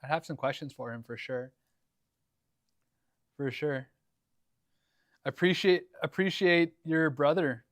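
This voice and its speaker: A man's voice: a little high, slow, pauses often, a bit bright, no room sound. Laid-back young man, livestream chat. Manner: laid-back, rambling, lots of likes and ums. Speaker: livestream host. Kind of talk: casual livestream Q&A. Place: home workshop.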